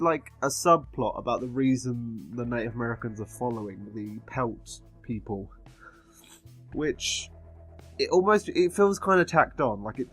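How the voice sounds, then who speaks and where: A man's voice: medium pitch, fairly bright tone. A man giving a casual film review in a drunken, rambling way, swearing often as he talks. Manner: frequent swearing.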